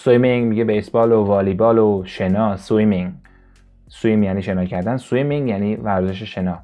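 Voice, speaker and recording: A man whose first language is Persian teaches an English listening lesson in a low voice. He repeats English phrases slowly and deliberately, stretching each word out for his students. Soft music plays faintly behind him. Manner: slow, drawn-out repetition of English phrases.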